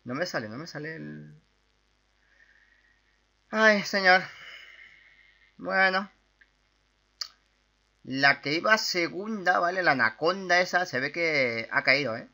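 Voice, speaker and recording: A young man from Spain with a Spanish accent, chatting his way through a video game with excitable outbursts and repeated words. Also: fairly high pitch, normal speed. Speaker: gaming YouTuber. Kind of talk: casual gameplay commentary.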